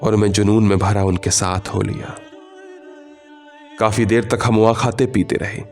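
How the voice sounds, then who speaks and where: A man narrating a literary short story in the first person, in a measured, literary reading with quiet emotional shifts. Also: on the low side, steady tone, soft background music.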